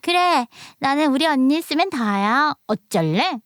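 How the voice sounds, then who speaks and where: Lady doing a bratty little girl, squeaky high, mocking and smug. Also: animated, a little slow, no echo, clean studio sound. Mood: taunting. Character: smug taunting little schoolgirl.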